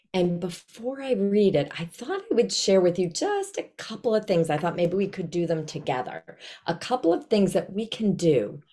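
An older woman with a slightly low voice teaches young children over a video call. She explains things in simple steps and gives encouraging instructions, as an author speaking to a class. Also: warm tone. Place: small indoor room at home. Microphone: video call, computer mic at desk distance.

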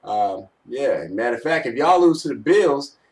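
A man's voice: mid-range voice, animated, moderate pace, darkish tone. Young man, slangy sports talk, slightly distant mic. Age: young adult. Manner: slangy, teasing trash talk. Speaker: sports fan vlogger. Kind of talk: casual postgame commentary. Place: small bedroom, indoors. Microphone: webcam at arm's length.

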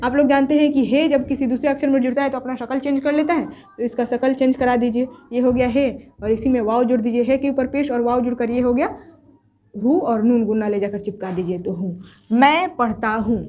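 A woman's voice: sits high, steady tone, dark tone. A woman teaching Urdu script step by step, patient and repetitive. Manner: patient, repeats each point slowly. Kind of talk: step-by-step whiteboard lesson.

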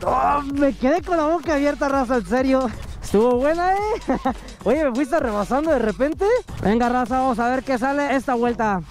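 A man with a Mexican accent, chatting excitedly to his viewers while riding a motorcycle outdoors and racing a friend. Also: very high voice, moderate pace. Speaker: motovlogger. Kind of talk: casual ride commentary. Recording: loud music over road and engine noise.

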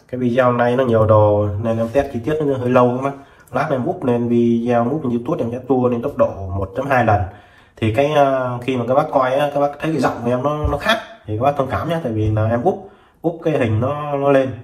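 A man giving a casual product demonstration of measuring tools, chatting with viewers in sales patter. The recording is sped up, so his voice sounds higher. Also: darkish tone, a little hiss or hum. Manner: chatty sales patter, addresses viewers as "các bác", fills every pause with "đấy", "đó". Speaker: seller of used measuring tools. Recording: echoey room.

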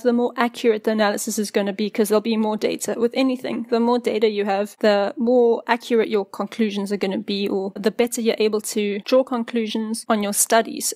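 A woman with a fairly high voice walks through a tutorial on music production gear. She explains in a relaxed, conversational way and tosses in small asides. The sound is dry and close, with no room around it. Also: dry recording. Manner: casual, explanatory, chatty asides. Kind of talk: spoken tutorial.

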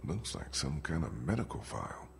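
An actor playing a weary, practical survivor in a video game, in a low-key, musing manner. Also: male voice, big pitch swings, moderate pace, creaky, slight background noise, exaggerated voice. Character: weary, practical male survivor searching for clues.

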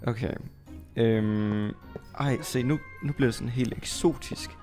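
A Danish man commentating his Minecraft play, chatty and excitable, talking to viewers and to his pet, squealing when startled. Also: medium pitch, soft background music. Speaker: gaming YouTuber.

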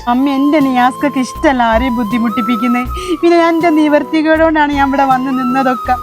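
Soft-spoken young daughter-in-law, woman, high voice, consoling, music underneath. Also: fairly even intonation, fast talker, lightly acted. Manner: soothing, consoling. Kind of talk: amateur short-video drama. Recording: music clearly heard behind voice.

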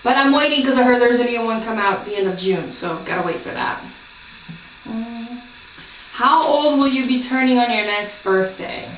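Slightly high and fairly bright, at normal speed, a Brazilian-born vlogger in her late twenties rambles to camera with lots of ums. The camera is across her small room by a door, producing a roomy, distant home recording with a little hiss or hum.

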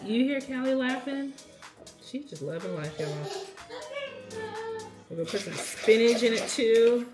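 A woman's voice: fairly high pitch, animated, measured pace, pauses often. A woman in her thirties, a mother vlogging, talking in an upbeat, chatty way straight to her viewers. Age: 30s. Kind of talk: casual vlog chat. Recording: background music. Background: music playing under the talk.

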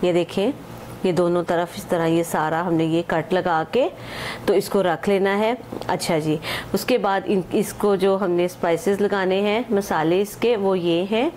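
This cooking host's voice is fairly low, fairly even in intonation, a little slow and mellow, with a bit of hiss or hum on the recording. Chatty and casual, she guides viewers through a home recipe step by step, pointing things out with repeated "acha ji" and "ye dekhen" while dropping English measures into Hindi-Urdu.

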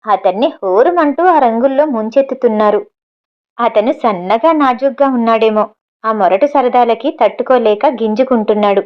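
A woman narrating an audiobook novel in a steady storytelling manner. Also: a little high, normal speed, lo-fi sound.

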